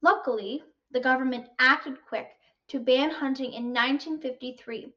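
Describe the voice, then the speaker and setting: A woman's voice: on the high side, a bit bright. A girl of about twelve giving a prepared school speech on wildlife in a careful, formal recitation. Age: child, about 12. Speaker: student speaker. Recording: distant, slightly muffled mic.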